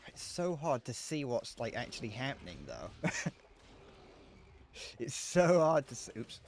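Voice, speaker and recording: Slight background noise sits behind this young British gamer's medium-pitched, slightly whiny voice, which swoops wildly in pitch at a somewhat slow pace. He chats casually during his live stream, rambling, putting himself down and swearing now and then.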